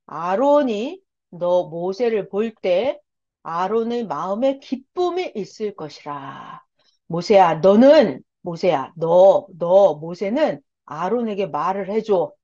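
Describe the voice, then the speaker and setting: A woman's voice: mid-range voice, animated, takes it slowly, mellow, dull audio, voice pushed down. A woman voicing God as he speaks firmly to Moses, giving emphatic commands. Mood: stern. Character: commanding God, stern but reassuring.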